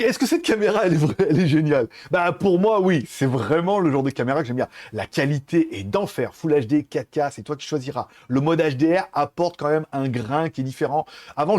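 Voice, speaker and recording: A man's voice: a little high, darkish tone. A man reviewing a webcam in casual French, chatty and laughing often, talking straight to the viewer through the camera's built-in mics. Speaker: tech reviewer. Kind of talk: casual product demo. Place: room with small fan and air conditioner. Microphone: webcam built-in microphones.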